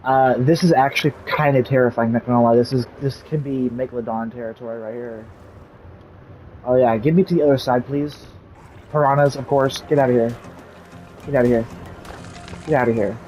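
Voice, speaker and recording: A gaming YouTuber with a darkish, medium-pitched voice speaks a little fast with fairly even intonation, pausing often, in casual gameplay tutorial commentary. He rambles, relies on fillers, loses focus easily, and says he's losing his voice. The low-quality recording has a little hiss or hum.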